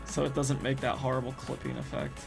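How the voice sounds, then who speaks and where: A man's voice: mid-range voice, creaky. A man streaming casually, rambling and thinking aloud as he works, laughing often. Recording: music playing behind.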